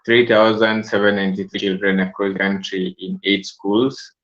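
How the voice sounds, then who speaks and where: A man, a charity founder speaking as a guest on a video call, halting and repeating himself. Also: on the low side, little pitch movement, a bit bright, lo-fi sound. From Kenya. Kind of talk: interview over a video call.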